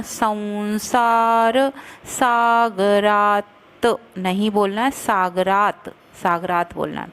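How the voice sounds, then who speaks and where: A woman teaching scripture recitation. She chants each verse slowly and carefully, then breaks it down syllable by syllable and explains it quickly. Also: mid-range voice. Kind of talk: slow recitation with pronunciation teaching.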